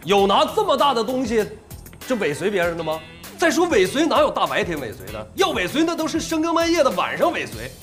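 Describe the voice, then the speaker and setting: A man's voice: mid-range voice, big pitch swings, brisk, darkish tone, faint music behind, natural voice. An actor playing a persistent father in his forties who coaxes his way in to see his daughter. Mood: indignant. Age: 40s. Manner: coaxing, pleading. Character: easygoing middle-aged dad, persistent. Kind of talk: TV drama acting.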